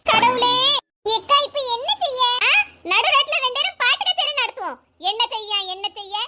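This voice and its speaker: Squeaky village woman. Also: lively intonation, moderate pace, pushed and bright, full character voice. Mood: grumbling. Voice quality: squeaky, chipmunk-like high voice. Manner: bickering, teasing comic banter. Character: young Tamil village woman, squeaky and quick-tempered. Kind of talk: village comedy sketch. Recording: hissy background noise.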